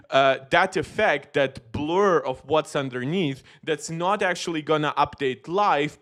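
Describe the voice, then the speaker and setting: A man's voice: a little high, a bit bright. A young man from Moldova, a native Russian speaker, commenting live on tech news in a rambling, self-correcting way with many fillers. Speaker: tech YouTuber.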